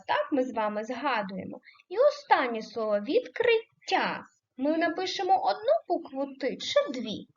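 Slow, lively-voiced woman teacher. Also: fairly high pitch, highs cut off. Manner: slow, deliberate, questioning children and affirming answers. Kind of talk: primary school grammar lesson.

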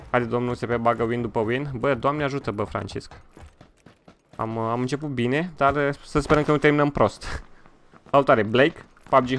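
A man from Romania streaming a game live, excitable and swearing freely as he thanks donors between fights. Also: mid-range voice, creaky, slight background noise. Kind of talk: live gameplay stream commentary.

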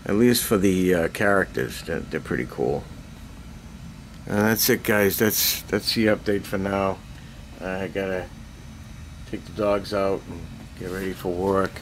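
A man's voice: low-pitched, measured pace, a little hiss or hum. An older man giving a rambling, self-deprecating show-and-tell of his miniatures, filmed on a handheld camera in a cluttered basement hobby room. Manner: rambling, self-deprecating, frequent throat clearing. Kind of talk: casual show-and-tell update.

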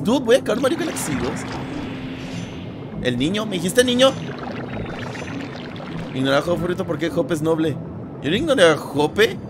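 A young man with a Mexican Spanish accent streaming a game, loud and excitable as he jokes with his chat. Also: fairly high pitch, background noise. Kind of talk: casual gaming stream chat. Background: game music.

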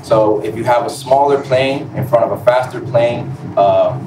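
A man in his twenties from Puerto Rico and Florida, an Air Force air traffic controller, explains his airman's job on a panel, politely and off the cuff. His mid-range voice moves at a moderate pace; seated on a stage in a large indoor room, he's picked up by a distant mic with roomy echo and a noisy room.

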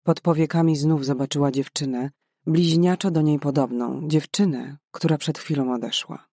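A man narrating a novel in a measured, dramatic way. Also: on the high side, fairly even intonation, mellow, dry recording, clean studio sound. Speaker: audiobook narrator. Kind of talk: scripted narration.

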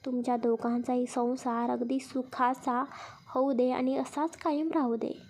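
A woman voicing a caring middle-aged mother who blesses and gently scolds her son and daughter-in-law in a spoken story. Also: high-pitched, level tone, a little slow. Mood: affectionate.

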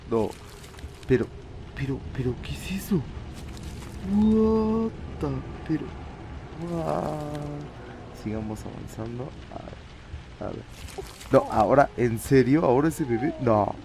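A man's voice: on the low side, measured pace, vocal fry, a little mellow, slight background noise. A man playing a horror video game at home at night, nervous and jumpy, laughing from nerves and repeating his words. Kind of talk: nervous let's-play commentary.

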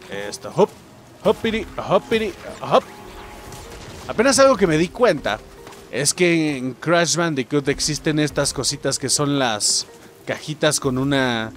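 A young Mexican man giving chatty, excitable commentary while playing a game and calling out to his viewers. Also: on the high side. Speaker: gaming YouTuber. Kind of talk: let's play commentary.

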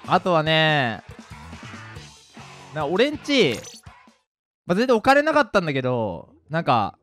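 A young man with a high, wildly swooping voice spins loose, self-mocking anecdotes while he games. He rambles casually from one memory to the next. Faint game music plays underneath. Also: wildly swooping pitch, unhurried, fairly bright tone. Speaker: pro gamer and video creator.

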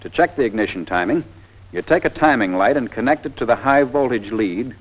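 The narrator is an American man with a medium pitch and lively intonation, talking a little fast through a scripted 1940s training film. His style is folksy, methodical and plain-spoken, heard on a dull, band-limited period film soundtrack.

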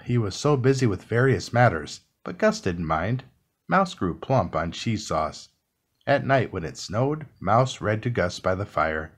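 Low-voiced man reading a bedtime story. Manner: soft, unhurried storytelling. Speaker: storybook reader. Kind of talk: calm bedtime story narration.

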